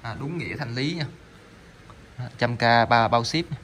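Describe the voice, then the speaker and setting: A man's voice: mid-range voice, normal speed, fairly bright tone, breathy edge. A man selling salvaged electronic parts online, chatting casually while demonstrating them, rambling with frequent fillers and repeated words. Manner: rambling, stammering, lots of fillers.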